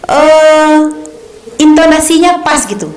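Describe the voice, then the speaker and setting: A woman's voice: high voice, steady tone, slow, roomy sound. A young woman coaching speech contest skills, explaining with examples and frequent hesitations. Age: young adult. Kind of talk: conversational lesson.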